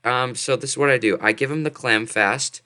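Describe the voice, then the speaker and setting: Bright-voiced man playing a tabletop game. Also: medium pitch, brisk, smooth. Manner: animated, restarting often. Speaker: player. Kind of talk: casual tabletop play.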